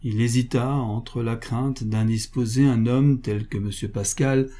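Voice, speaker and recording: A man reading a classic novel aloud as an audiobook narrator, in a measured storytelling manner. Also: medium pitch, steady tone, warm tone. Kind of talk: scripted narration.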